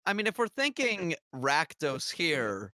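A man introducing himself as a tabletop player, joking in a deadpan way. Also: on the high side, unhurried, no room sound. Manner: jokey, deadpan bits. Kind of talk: casual tabletop chat.

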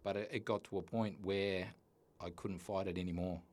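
New Zealand man in his thirties, very low voice, earnest and halting personal account. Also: fairly even intonation, a little mellow. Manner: earnest, halting with many restarts. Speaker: guest. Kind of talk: candid personal story.

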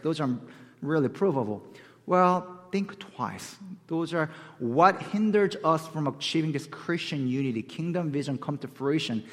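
A man from South Korea preaching as a guest speaker, in a conversational way that keeps asking his listeners questions. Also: medium pitch. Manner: conversational, asks the audience questions. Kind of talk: sermon. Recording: long hall reverb.

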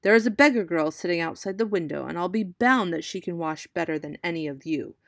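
A man's voice: high voice, fairly quick, vocal fry, fairly bright tone, no room sound, studio quality. A woman voicing a resolute young prince in a storybook reading, speaking urgently and with command. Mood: exasperated. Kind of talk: storybook read-aloud.

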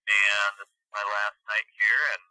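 A man's voice: on the low side, monotone, normal speed, bright, forceful tone, smooth, no echo, rough recording. A man calling in over a phone on speakerphone, tipsy and rambling with lots of uhs. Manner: loose and rambling, many uhs. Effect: heard over a phone on speakerphone. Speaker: guest calling in. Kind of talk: casual chat.

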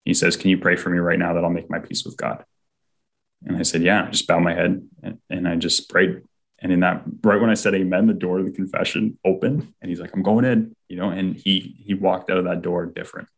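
A man's voice: low-pitched, level tone, fairly quick, vocal fry. A man telling an earnest personal faith story as an interview guest, often acting out what people said. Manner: heartfelt, often acts out quoted speech.

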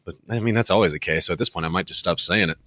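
A man co-hosting a casual talk show, relaxed and earnest, with dry jokes. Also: deep voice, rapid-fire, dry recording. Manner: relaxed, earnest, joking aside. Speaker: show co-host.

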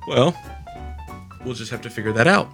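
A man's voice: mid-range voice, expressive, normal speed, gravelly, over music. A man co-hosting a casual podcast, chatting and teasing his guests. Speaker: podcast co-host. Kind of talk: casual chat. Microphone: podcast microphone.

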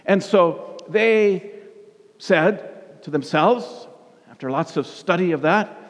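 A male preacher gives an informal sermon in a folksy, halting, colloquial way. His voice sits a little high for a man. It echoes through a big hall. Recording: reverberant hall.

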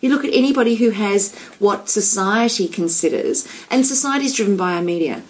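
A woman's voice: mid-range voice, fairly quick, low-quality recording. A woman hosting a casual chat, explaining her ideas in a reflective way and repeating phrases as she thinks.

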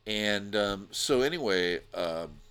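Low-voiced american guy telling a long story, bright forceful tone, keeps restarting. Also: slow, clear, resonant tone. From United States. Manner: rambling and animated, with many restarts and laughs. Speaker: podcast host telling a personal story. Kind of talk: casual storytelling monologue.

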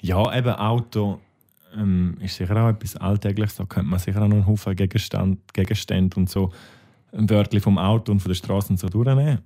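A man's voice: lowish voice, steady tone, a little fast, mellow, no room sound, clean studio sound. A man tutoring Romansh in a casual podcast, patiently repeating words. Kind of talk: casual language-lesson podcast.

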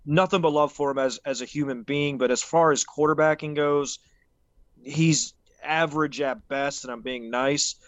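A man's voice: a little high, fairly even intonation, normal speed, no echo. A man co-hosting a sports podcast, giving blunt, emphatic opinions and pushing his voice up to stress his points. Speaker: podcast co-host. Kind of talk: casual sports podcast talk.

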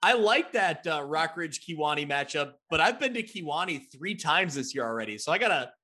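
A bright, high-pitched man hosts a casual sports talk show. He talks in an upbeat way, recaps scores and stats, and pokes fun at himself. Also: sing-song, brisk. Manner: upbeat, self-deprecating, recaps game stats.

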